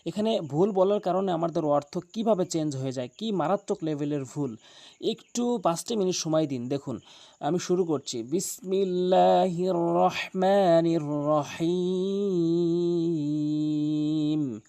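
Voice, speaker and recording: A man teaching Quran pronunciation, explaining mistakes plainly and chanting the correct recitation slowly and drawn out. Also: on the high side, lively intonation, vocal fry, dark tone. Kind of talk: tajweed lesson with demonstrated recitation.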